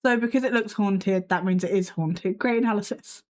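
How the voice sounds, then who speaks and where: Reacting to videos on her livestream, this host is sassy and skeptical, dropping casual swears even as her voice fades. She speaks at a normal speed in a mid-range voice with a darkish tone.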